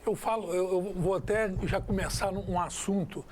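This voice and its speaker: A man from Brazil hosts a local radio interview, and his voice sits notably high. He talks with eager warmth for his guests and trips over his own wording, then restarts. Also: normal speed, a little hiss or hum. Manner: chatty, enthusiastic, restarts his phrases. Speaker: radio show host.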